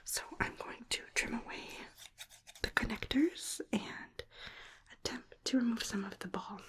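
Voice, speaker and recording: Asmr lady doing a whispered role-play, soft breathy whisper right up at the mic, slow soothing little murmurs. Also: fairly high pitch. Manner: soothing, unhurried, murmured asides. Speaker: ASMR performer. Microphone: close ear-to-ear stereo microphone.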